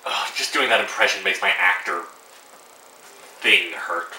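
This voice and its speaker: A man's voice: low voice, measured pace, sharp tone, reverberant, recorded from a distance, a little hiss or hum, poor audio. A teenage boy ranting to camera about a film, sarcastic and exasperated, swearing freely. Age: teens. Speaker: vlogger. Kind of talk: casual rant to camera. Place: room at home.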